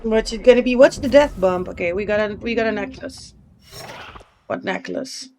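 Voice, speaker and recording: A woman's voice: medium pitch, normal speed, darkish tone, slight background noise. A woman streamer chatting casually and thinking aloud while she plays a game, with the odd swear word. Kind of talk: casual live gameplay commentary.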